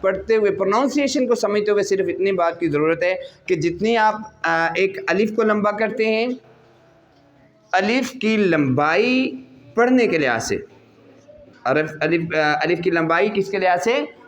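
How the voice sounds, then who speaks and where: A man with a Pakistani Urdu accent teaching a class how to recite, drawing out sounds slowly to model them and asking and answering his own questions. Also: sits high.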